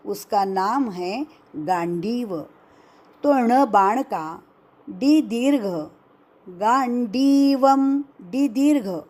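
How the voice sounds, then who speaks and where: A woman's voice: on the high side, warm tone. A woman teaching the pronunciation of a Sanskrit verse, breaking each word into syllables and repeating them one at a time. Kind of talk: slow pronunciation lesson.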